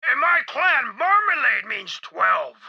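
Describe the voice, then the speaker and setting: An actor playing a frantic bandit cultist in a video game, shrieking, pleading and sobbing. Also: male voice, extremely high pitch, sing-song, takes it slowly, gravelly, slightly rough, lo-fi sound, exaggerated voice. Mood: hysterical.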